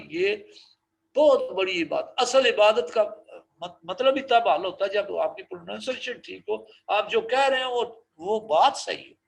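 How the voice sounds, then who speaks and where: A man giving a religious lesson on correct prayer pronunciation, slowly drawing out recited phrases and correcting common mistakes. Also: sits high, vocal fry, low-quality recording. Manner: slow drawn-out recitation of Arabic phrases between explanations; corrective, instructive tone. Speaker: religious teacher.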